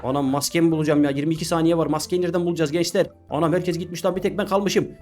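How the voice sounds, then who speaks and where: A man hosting a gaming video, commentating animatedly with loud exclamations and slang. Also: a little high, fairly even intonation, rapid-fire, soft background music. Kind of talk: excited gameplay commentary.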